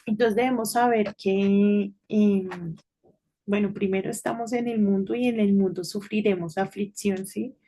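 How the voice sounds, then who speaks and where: A middle-aged woman giving an informal devotional talk to children, telling a story in a chatty way and often checking in with a quick "right?". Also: mid-range voice, steady tone, warm tone. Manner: chatty storytelling with frequent tag questions.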